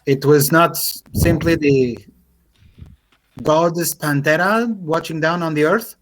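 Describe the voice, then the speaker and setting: A man's voice: a little high, takes it slowly, a little hiss or hum, voice pushed up, low-quality recording. A man voicing a pirate ship's first mate in a tabletop game, speaking formally and skeptically in questions. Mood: formal, questioning. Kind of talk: tabletop role-play character voice.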